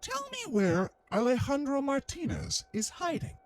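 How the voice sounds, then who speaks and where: A woman's voice: high-pitched, wildly swooping pitch, measured pace, heavily acted. A woman voicing a cold, condescending android that wears a male soldier's body and speaks in an artificial voice. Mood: calm menace.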